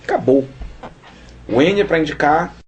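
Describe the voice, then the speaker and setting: A man teaching Portuguese grammar in a lively video lesson, playful and colloquial, talking straight to the viewer and acting out student questions. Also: a little high, normal speed, highs cut off, slight background noise.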